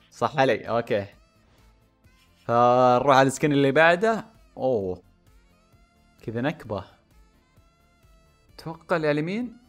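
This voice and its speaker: A man hosting a gaming channel, talking in casual commentary that swings from mumbled guesses to loud outbursts. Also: a little high.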